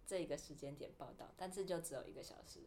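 A young woman co-hosting a casual podcast chat, calmly explaining her view. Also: sits low, rapid-fire, a little hiss or hum. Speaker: podcast co-host.

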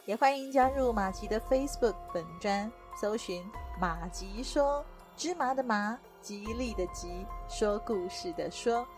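A woman's voice: mid-range voice, lively intonation, unhurried, few pauses, over music. Woman narrating a story. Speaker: podcast storyteller.

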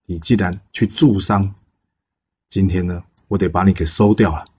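A stern older Taoist master with a low, husky male voice, lecturing with reproach, as a narrator plays him. The recording is dull and lo-fi. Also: fairly even intonation, normal speed, darkish tone.

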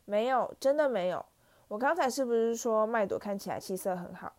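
Woman reader doing a nervous, pleading schoolgirl, higher and brighter than the narration. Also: animated, fairly quick, natural voice. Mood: forced cheer. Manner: anxious, pleading. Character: anxious clever schoolgirl.

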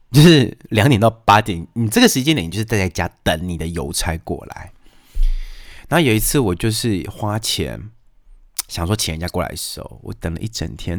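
A man telling his own stories in a casual monologue, complaining in an animated, exasperated way and throwing out rhetorical questions. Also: fairly low pitch, dry recording, studio quality. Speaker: vlogger telling personal stories.

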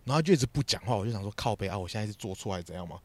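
A man's voice: lowish voice, very fast. A man from Taichung with a Taiwanese Mandarin accent, bluntly ranting about old work stories in a casual chat, swearing often. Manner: swears a lot, blunt and excitable. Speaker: podcast co-host, former TV production assistant.

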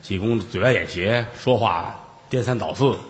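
A man's voice: lowish voice, normal speed. A man telling a traditional story, chatting with listeners in asides. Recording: long reverb.

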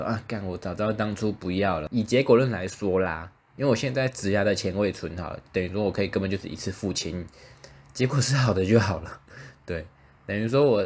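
A young man with a Taiwanese Mandarin accent chatting casually on his own podcast, self-mocking and acting out the dialogue in his stories. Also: lowish voice. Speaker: podcast host. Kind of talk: casual solo podcast chat.

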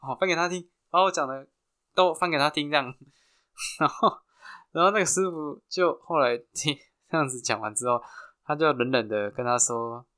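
A man with a Taiwanese Mandarin accent hosting a podcast, telling stories in a chatty, halting way full of restarts. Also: fairly high pitch, sharp tone, clear, resonant tone. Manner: chatty, halting with frequent restarts and fillers, laughs at his own stories. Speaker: podcast host. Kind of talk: casual storytelling.

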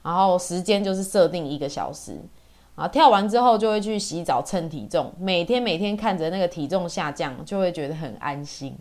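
A woman's voice: lowish voice, brisk, a little mellow. A woman in her forties from Taiwan with a Taiwanese Mandarin accent, telling personal stories as a podcast host in a chatty, colloquial way. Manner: chatty, colloquial, with sentence-final particles. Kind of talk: casual personal storytelling.

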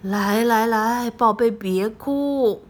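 A woman voicing a gentle mother queen who speaks softly and soothingly. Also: sits high, normal speed. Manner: soft, soothing.

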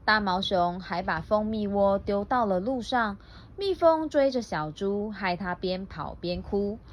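A woman's voice: mid-range voice, animated, unhurried. A woman reading a picture book aloud to her child, playful and laughing, stopping often to quiz the child.

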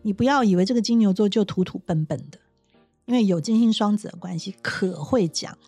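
A talkative woman hosts a casual chat. Her voice is slightly husky, and she explains things eagerly and laughs often. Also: medium pitch, fairly quick, dark tone, no room sound, faint music behind. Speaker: podcast host and astrologer.

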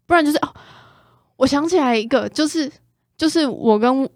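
A woman's voice: high voice, moderate pace, no room sound, clean studio sound. A woman with a Taiwanese Mandarin accent chatting casually and bluntly about herself in an informal way. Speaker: guest sharing relationship stories. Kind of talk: casual chat.

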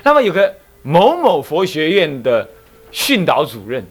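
Male Buddhist abbot, dharma talk, emphatic storyteller, animated pitch. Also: a little slow, soft background music. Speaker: Buddhist monk and temple abbot. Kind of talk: dharma lecture with anecdotes.

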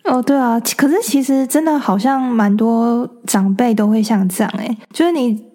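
A young woman, co-hosting a casual podcast chat and telling stories with lively acted-out quotes. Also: on the high side, moderate pace. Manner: animated storyteller who acts out quotes. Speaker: podcast co-host.

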